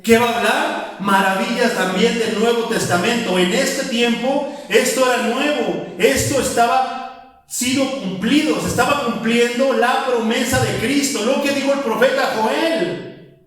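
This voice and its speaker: A man with a Mexican accent preaching a sermon as pastor, animated, calling listeners "brother" and acting out quoted voices. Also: extremely high pitch, a little slow. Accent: Mexican Spanish. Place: church hall. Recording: very echoey hall, voice from far off the mic.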